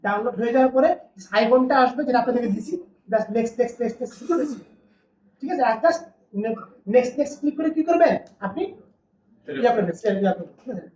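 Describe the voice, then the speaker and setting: A woman's voice: a little high, lively intonation, fast, mellow, slight background noise. A woman teaching a classroom lesson, often asking the class a question and then answering it herself. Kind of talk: classroom lecture. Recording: distant, dull, roomy classroom recording.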